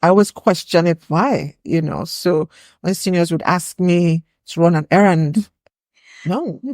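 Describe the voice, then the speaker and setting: A Nigerian woman talking as a podcast guest, thoughtful and reflective as she recalls her younger years. Her voice sits low and mellow, and it sounds dry and close. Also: measured pace, no echo. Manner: reflective, recalling memories at an easy pace. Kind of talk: casual interview chat.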